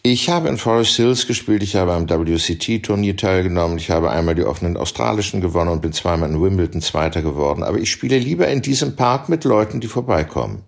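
A man voicing a cocky, self-assured male tennis ace who argues brashly, pitched higher than his own reading voice. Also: lively intonation, fast, gravelly, hardly any pauses, heavily acted. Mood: offhand.

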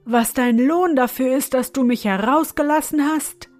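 A towering male spirit, put on by a woman reading a fairy tale, speaks with booming, haughty force. His voice sits high and loud. The storybook telling has faint music behind it. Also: normal speed, lightly acted. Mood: menacing. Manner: booming and haughty, later pleading. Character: huge proud male spirit trapped in bottle.

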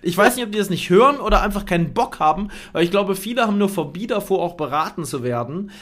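A man's voice: sits high, expressive, quick pace, a bit bright. Chatty laughing podcast man. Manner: chatty, laughs often, many fillers. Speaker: podcast co-host. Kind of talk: casual chat.

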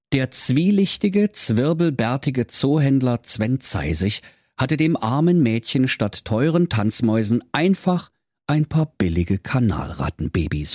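A man tells a comic fairy tale in a mock-solemn storybook tone. His pitch is wildly animated. The sound is dry and close. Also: no echo.

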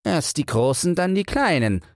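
A man's voice: fairly high pitch, very animated, normal speed, no echo, clean studio sound, pitched above the performer's own voice. A man voicing a pompous, easily offended little male dung beetle in a storybook reading.

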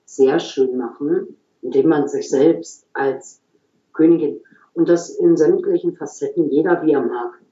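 Woman, mellow warm voice, calm explanatory talk, roomy dull recording. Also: deep voice. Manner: calm, explanatory, frequent "so" pauses. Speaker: guest, regression therapist. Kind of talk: reflective interview talk.

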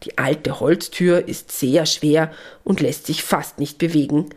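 A woman reading a children's Christmas story aloud, calm and gentle. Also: deep voice, slow.

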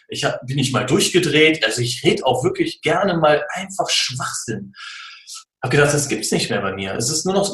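A man in his forties telling his own story in a casual interview, earnest and halting, with many fillers. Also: fairly high pitch, a bit bright, reverberant, low-quality recording. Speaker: guest, personality and sports mentor.

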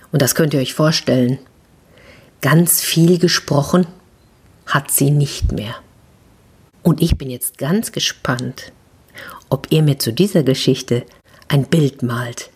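A woman hosting a children's story podcast, narrating a fairy tale in an expressive way, sometimes dropping to a whisper. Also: low-pitched, slightly rough.

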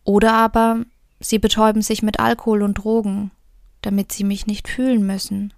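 A woman voicing Sadness, a small, shrunken, lonely figure in a fairy tale, in a soft, plaintive voice. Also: medium pitch, level tone, moderate pace, gravelly, no echo, clean studio sound, close to an everyday voice. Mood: lamenting.

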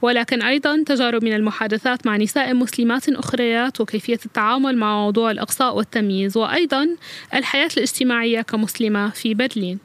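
Female voice, scripted translation voice-over, rapid-fire pace, raised pitch. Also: a bit bright.

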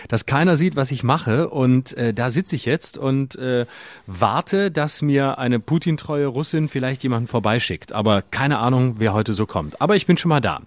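A middle-aged man and comedian co-hosting a podcast, rambling through deadpan, absurd stories. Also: mid-range voice, no echo. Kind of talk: casual comedic banter.

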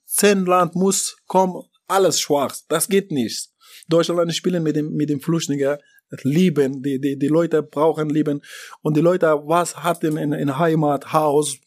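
A man from Afghanistan, not a native German speaker, talking in an interview in halting, broken German with many fillers and restarts. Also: on the high side. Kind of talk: interview about his deportation.

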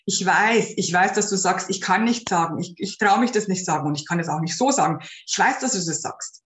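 A woman's voice: lowish voice, a little fast, fairly bright tone. Woman coaching in a roomy space. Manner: earnest, direct, addresses listener as du. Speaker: podcast host, spiritual life coach. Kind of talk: casual spoken advice podcast. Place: room at home with a window. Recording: roomy echo.

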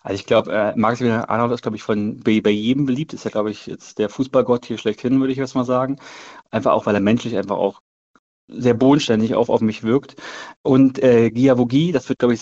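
A man's voice: medium pitch, darkish tone. A man chatting casually as a podcast guest, hesitant and thinking aloud. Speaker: football fan as podcast guest. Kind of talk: casual chat. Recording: slightly dull, lo-fi sound.

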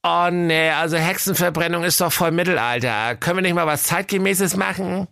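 A man's voice: fairly high pitch, a little fast, gravelly, pushed and bright, clean tone, no room sound, studio quality, pitched above the performer's own voice. A man doing a whiny, timid executioner. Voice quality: whiny, fussy. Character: timid oversensitive male executioner.

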